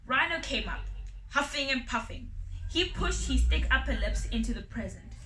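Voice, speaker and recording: A woman reading a children's story aloud, unhurried, with small slips and restarts. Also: high voice, animated, a bit bright, a little hiss or hum. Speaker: storybook reader. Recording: roomy sound from a distant mic.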